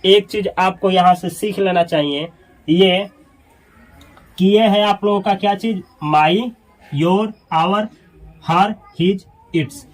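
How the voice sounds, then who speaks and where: A man's voice: slow, low-quality recording. A man teaching English grammar, drilling words over and over and putting questions to his students. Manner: drops low and soft when marking mistakes. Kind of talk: spoken grammar lesson.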